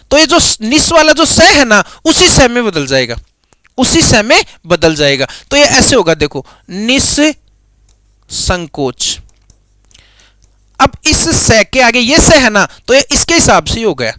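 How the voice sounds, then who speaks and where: Male grammar tutor with a lilt. Bright, sharp tone. Drills students with repeated questions and slow repetition. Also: sits high, no room sound. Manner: repeats key words slowly, quizzes students with questions. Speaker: Hindi grammar teacher. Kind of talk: classroom lecture.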